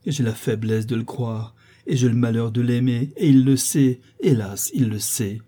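A man's voice: medium pitch, normal speed, dark tone, natural voice. A man voicing a tearful, wounded young woman who reproaches her lover in a storybook reading. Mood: anguished reproach. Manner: heartbroken, reproachful.

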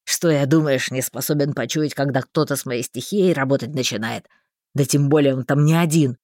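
A woman's voice: rumbling low, a little fast, darkish tone, no echo, clean studio sound, pitched below the performer's own voice. A woman doing a stern, commanding male mage. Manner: curt, barking orders.

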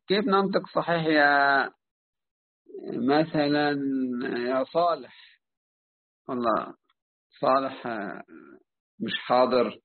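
A man with an Egyptian Arabic accent runs a recitation lesson, calling on students and drawing out each example slowly. His voice sits somewhat high for a man. It comes through a narrow, tinny phone-like call line. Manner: patient, drawn-out quizzing, slow modelled recitation. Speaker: tajweed teacher.

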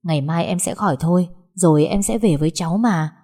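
A kind housemaid comforts a child in a soft, soothing voice, read by a woman. The tone is low and warm. It is a character in a told story. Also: fairly quick, natural voice. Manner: gentle, soothing. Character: kind middle-aged housemaid.

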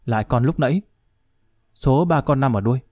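Figure: a man doing a jealous, hot-tempered wife. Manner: sharp-tongued. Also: mid-range voice, normal speed, no room sound, studio quality, lightly acted. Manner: sharp-tongued, then fawning.

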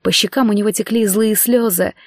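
Female audiobook narrator, even unhurried delivery, dry close studio recording. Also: mid-range voice, no echo. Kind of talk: scripted fiction narration.

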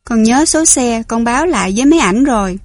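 A woman's voice: a little high, animated, a little fast, no room sound. Woman reading a storybook. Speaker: narrator.

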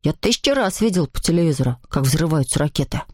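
A woman's voice: sits low, expressive, fast, no echo, studio quality, voice pushed down. A woman doing a know-it-all schoolboy. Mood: skeptical. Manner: lecturing, matter-of-fact.

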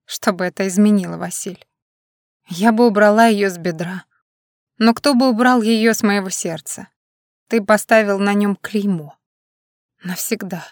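A woman's voice: mid-range voice, normal speed, pauses often, dry recording, clean studio sound, lightly acted. A woman reading the lines of a drunk, heartbroken young woman in an audiobook, bitter and accusing, some of them hissed in a whisper. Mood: sorrowful.

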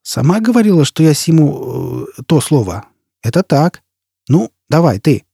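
A man's voice: fairly high pitch, very animated, unhurried, gravelly, mellow, husky, no echo, studio quality, voice pushed up, exaggerated voice. A man playing a scarred, menacing, vengeful man who speaks in a curt, growling, threatening way.

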